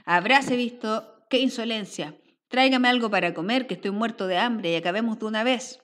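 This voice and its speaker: A woman's voice: on the high side, brisk, a bit bright, close to an everyday voice. A woman reading the lines of an indignant, rude male restaurant customer from a play script, complaining and haughty.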